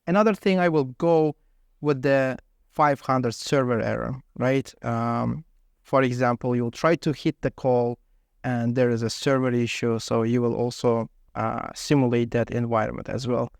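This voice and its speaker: Creaky-voiced man conducting an interview. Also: medium pitch, steady tone, normal speed, no room sound, studio quality. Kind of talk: mock technical interview questioning.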